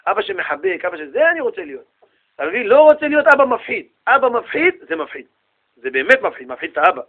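A man teaching a Torah lesson to students in an animated way, asking them questions and acting out the people in the story. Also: very high-pitched, phone-quality sound. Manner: animated, asks his listeners questions and acts out the people in the story.

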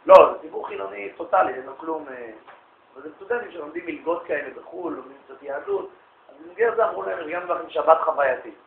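Male lecturer, higher-pitched voice, spins anecdotes and plays out the dialogue, recorded lo-fi and phone-like. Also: gravelly, roomy sound, a little hiss or hum. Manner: lively anecdotal storyteller, acts out quoted dialogue. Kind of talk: storytelling lecture to an audience.

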